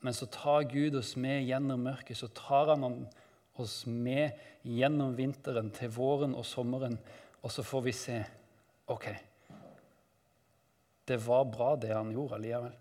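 Male Bible teacher, mid-pitched, conversational sermon delivery, calm, phrases trailing off quietly. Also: big-room sound.

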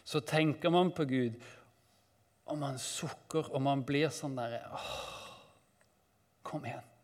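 Male Bible teacher, mid-pitched, conversational sermon delivery, calm, phrases trailing off quietly. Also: big-room sound.

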